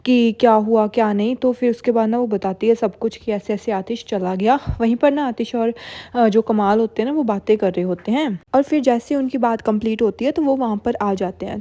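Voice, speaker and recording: A woman's voice: mid-range voice, dark tone. A woman casually retelling a drama plot, chatty and full of fillers. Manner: chatty, filler-heavy storytelling. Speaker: drama recap narrator. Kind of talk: casual story recap.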